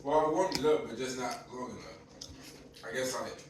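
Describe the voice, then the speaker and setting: A man's voice: medium pitch, animated, moderate pace, darkish tone, slight background noise. An American man in casual, slangy conversation over a meal. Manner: informal, slangy. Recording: echoey, distant mic, clear background chatter.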